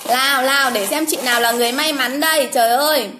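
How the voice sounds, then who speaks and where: A woman's voice: high-pitched, fairly even intonation, fast, background noise. A woman, hosting a casual livestream from home, chatty, calling names over and over with frequent exclamations. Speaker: livestream host drawing giveaway winners.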